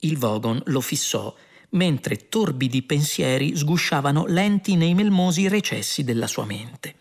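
A man reading a comic science-fiction novel aloud as a steady storybook narration. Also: on the high side, unhurried. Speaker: audiobook reader.

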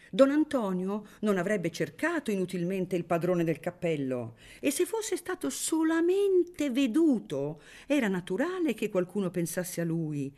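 A woman's voice: medium pitch, a little mellow, voice pushed up, close to an everyday voice. A woman reading an audiobook, voicing a sly, pompous middle-aged male lawyer who declaims as if in court.

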